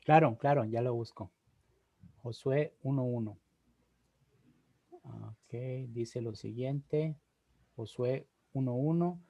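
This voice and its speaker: A man on a video call reading Bible passages aloud, slowly and carefully. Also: mid-range voice, creaky, warm tone, husky, no room sound, highs cut off. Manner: slow, measured reading. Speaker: assistant reading scripture.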